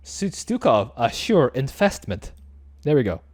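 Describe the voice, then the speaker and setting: A man hosting a casual gaming panel, brisk and joking, moving the discussion along and calling on others. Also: medium pitch, big pitch swings, a little mellow, no room sound, studio quality. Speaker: panel host.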